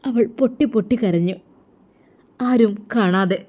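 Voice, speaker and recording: A woman's voice: mid-range voice, measured pace, warm tone, dull audio. A woman narrating a story in an emphatic, emotional manner.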